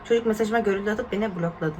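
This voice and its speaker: A woman in her twenties from Turkey, chatting casually as a vlogger while reading viewer stories aloud, with lively exclaiming reactions and asides to her viewers. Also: mid-range voice, racing, slight background noise. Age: 20s.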